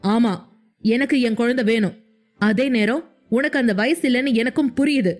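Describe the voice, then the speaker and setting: A woman's voice: on the high side, moderate pace, close to an everyday voice. A woman voicing an angry, hurt young husband who argues in heated, insistent questions. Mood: angry pleading.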